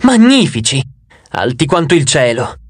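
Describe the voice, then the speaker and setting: A man voicing a sweet, childlike young male cyclops who talks in simple, excited, admiring bursts. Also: medium pitch, normal speed, dry recording. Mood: eager.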